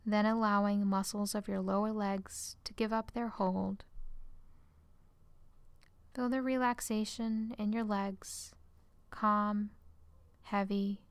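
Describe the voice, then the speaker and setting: Woman reading a relaxation script, soothing, slow, dry close sound, lines trail off whispery. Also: medium pitch, smooth, no echo. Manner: calm and soothing, phrase ends trailing into a whisper. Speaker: relaxation guide.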